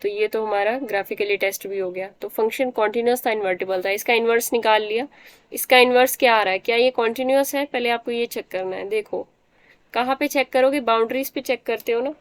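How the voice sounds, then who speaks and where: A woman with a somewhat high voice teaches a math class. She walks through each step patiently and keeps asking whether the students follow. The sound is dry and close. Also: brisk, clear, resonant tone, dry recording. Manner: explains step by step, often checks understanding. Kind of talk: math lecture.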